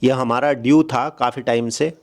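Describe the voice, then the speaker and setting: A man chatting casually to the camera in his living room, relaxed and laughing easily. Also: mid-range voice, normal speed. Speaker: father receiving a surprise. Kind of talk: casual family chat to camera. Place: living room at home, indoors.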